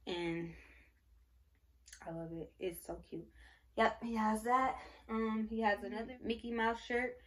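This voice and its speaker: A woman's voice: on the high side, fairly even intonation, a little slow, long pauses, fairly bright tone. A pregnant young woman vlogging casually, gushing over baby clothes in a rambling way with many fillers. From Michigan, United States. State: pregnant, briefly out of breath. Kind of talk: casual baby haul show-and-tell.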